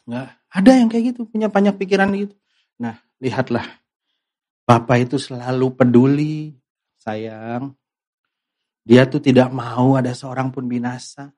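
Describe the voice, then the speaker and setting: A man's voice: medium pitch, a little slow, long pauses, mellow. A man preaching a casual, conversational sermon, asking his listeners questions and acting out the voices of worried believers. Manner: asks the audience questions directly.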